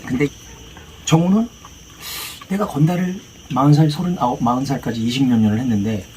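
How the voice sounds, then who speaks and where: A man chatting casually as he retells a film story, acting out the dialogue in rough slang. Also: mid-range voice, fairly quick, mellow, rough recording. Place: outdoor fishing spot. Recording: clear outdoor ambient noise.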